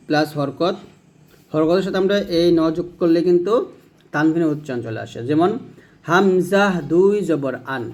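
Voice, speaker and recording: A man teaching Quran pronunciation, slowly drilling letter sounds and explaining quickly in between. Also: on the high side, a little mellow. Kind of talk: classroom-style pronunciation lesson.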